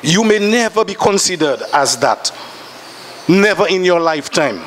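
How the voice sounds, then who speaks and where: A man's voice: sits high, animated, moderate pace, fairly bright tone, slight background noise. A man with a Dominican accent speaking with emotion and urgency on a panel, calling people to action. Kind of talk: impassioned panel discussion.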